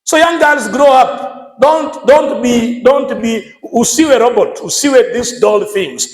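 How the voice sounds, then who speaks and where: A man with a Kenyan accent preaching a lively sermon, switching between English and Swahili and shouting some points for emphasis. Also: extremely high pitch, takes it slowly, reverberant, poor audio. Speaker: pastor.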